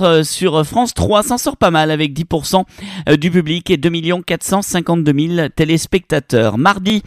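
A male TV host briskly reading a rundown of figures with frequent filler sounds, then leading a studio interview. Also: fairly high pitch, no echo. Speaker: TV show host.

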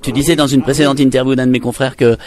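Un homme qui interviewe des acteurs et un réalisateur pour la promotion d'un film, sur un ton vif. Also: male voice, medium pitch, fairly even intonation, rapid-fire, a little mellow.

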